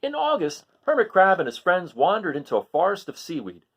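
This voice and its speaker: A man reads a children's story aloud with a hugely varied, swooping pitch. His voice is husky, and he phrases things deliberately, leaning on key words for drama. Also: wildly swooping pitch, fairly bright tone. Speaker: storybook reader. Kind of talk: expressive children's read-aloud.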